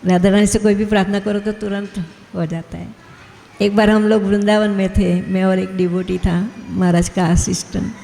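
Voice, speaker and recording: Gravelly-voiced woman giving a devotional talk. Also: mid-range voice, flat delivery, moderate pace, dark tone, a little hiss or hum. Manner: storytelling, chuckles often. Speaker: guest speaker at a devotional gathering. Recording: echoey hall with long reverb.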